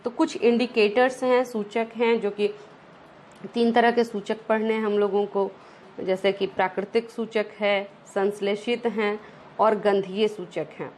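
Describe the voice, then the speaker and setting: A woman's voice: medium pitch, steady tone, a little slow, a little mellow, a little hiss or hum. A woman teaching a science lesson over slides, often checking in with rhetorical questions and mixing English terms into her explanations.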